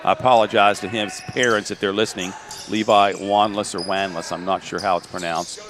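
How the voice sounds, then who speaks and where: A man calling high school basketball play-by-play in brisk calls that climb in pitch and volume on big plays. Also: fairly even intonation, a crowd in the background. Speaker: play-by-play announcer.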